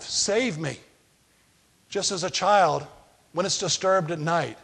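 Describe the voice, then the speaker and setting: A man's voice: fairly high pitch, vocal fry, fairly bright tone, breathy edge. A man preaching a sermon as a pastor, talking in a conversational way and asking the congregation questions.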